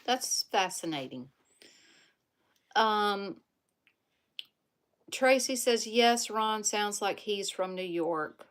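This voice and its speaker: Woman host, slow-paced, chatty, reads viewer comments, home livestream, casual. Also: mid-range voice, lively intonation, a bit bright. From Louisiana.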